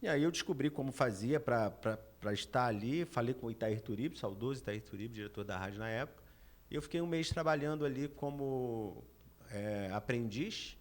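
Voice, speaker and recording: Fifties male journalist, conversational, halting, mid-pitched. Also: animated. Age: 50s. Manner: hesitant, repeats words as he recalls. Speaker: journalist, guest. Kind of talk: casual podcast chat.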